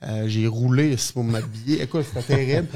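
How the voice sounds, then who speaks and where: A man's voice: mid-range voice, a little fast, mellow. Middle-aged quebec guy, ex hockey player, rambles his stories with lots of euh. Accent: Quebec French. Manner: rambling, many restarts and fillers. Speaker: guest, former hockey player. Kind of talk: casual storytelling interview.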